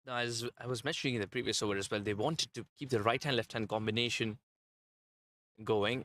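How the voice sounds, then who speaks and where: Male cricket commentator, analytical, bright forceful tone, dry close sound. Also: mid-range voice, fairly even intonation, a little fast, no room sound. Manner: analytical, explains tactics at length.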